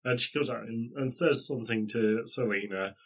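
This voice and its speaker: A man's voice: mid-range voice, moderate pace, slightly rough. A man narrating a tabletop game as game master, rambling with many fillers and restarts.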